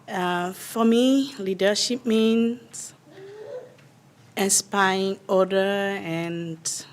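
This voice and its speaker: Woman, slow measured pace, mid register, public self-introduction. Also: mid-range voice. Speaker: caseworker.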